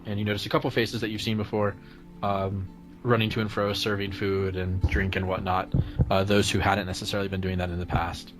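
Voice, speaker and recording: A man narrating casually as game master, improvising hesitantly with lots of pauses. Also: low-pitched, flat delivery, music in the background, low-quality recording.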